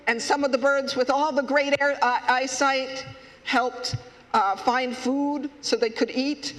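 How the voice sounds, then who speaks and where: A man leading a children's story time at a worship service, playful and halting, stopping to ask the children questions. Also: very high-pitched, fairly even intonation, a bit bright. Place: church sanctuary. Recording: echoey hall.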